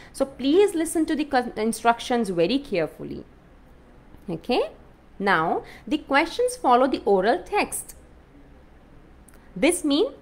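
A woman with an Indian English accent teaching an exam-prep lesson, constantly checking in with "okay?" and "fine?". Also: sits high. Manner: lively up-and-down teaching voice. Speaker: IELTS coach.

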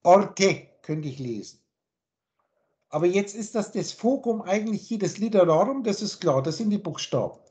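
Over a video call, this male spiritual teacher holds forth in a lengthy philosophical monologue, his high, darkish voice animated and moderately paced. He presses his points insistently, repeating them and posing one rhetorical question after another.

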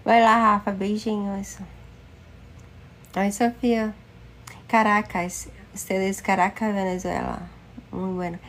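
A woman from Manaus with a Brazilian accent, hosting a casual livestream and greeting viewers one by one by name, slipping into halting Spanish. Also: medium pitch, level tone, fairly bright tone, a little hiss or hum. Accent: Brazilian Portuguese. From Manaus, Amazonas, Brazil. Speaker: livestream host. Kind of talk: casual live chat with viewers.

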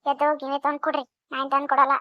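A woman voicing a defiant, sharp-tongued middle-aged village wife in a cartoon, with a North Karnataka Kannada accent. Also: high voice, completely flat delivery, racing, no room sound, natural voice. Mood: taunting. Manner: defiant, scolding. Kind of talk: cartoon voice acting. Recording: dull lo-fi recording.

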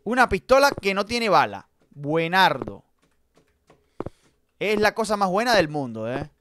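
A man streaming a horror game live, talking to his chat and swinging between mutters and loud outbursts. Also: sits high, sing-song, a little slow, slight background noise. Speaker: gaming streamer. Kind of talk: live let's-play commentary.

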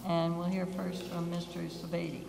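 An old archival courtroom recording of a woman presiding as judge, calling the case in a measured, formal way. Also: lowish voice, flat delivery, gravelly. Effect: old archival courtroom audio recording. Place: large courtroom. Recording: hissy old recording from a far, echoey courtroom.

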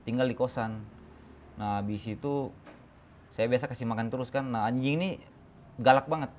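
A man's voice: mid-range voice, normal speed, muffled recording, a little hiss or hum. A young man from the Kei Islands, a dog trainer and guest, telling stories in casual chat and acting out the voices and calls. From Kei Islands, eastern Indonesia. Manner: animated, acts out quotes and calls.

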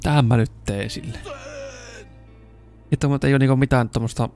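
A young man with a Finnish accent commenting on his own gameplay at a mid-range pitch, shifting quickly from muttering asides into excited yells and curses. Faint game music runs quietly underneath. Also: gravelly. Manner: excitable, swears and yells when in danger. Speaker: gaming YouTuber. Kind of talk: casual let's-play commentary.

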